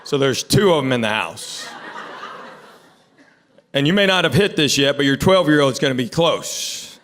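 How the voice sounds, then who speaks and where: A man's voice: medium pitch, animated, moderate pace, a bit bright. A middle-aged man doing conversational stand-up comedy, telling stories and acting out bits of dialogue. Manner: conversational storytelling with acted-out dialogue.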